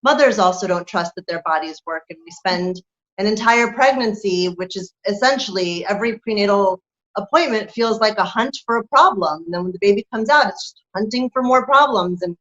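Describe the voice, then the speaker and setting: A woman's voice: mid-range voice, moderate pace, a bit bright. A woman lactation consultant talking candidly and with animation in an interview, laughing through her points. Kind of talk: conversational interview. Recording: dull lo-fi sound.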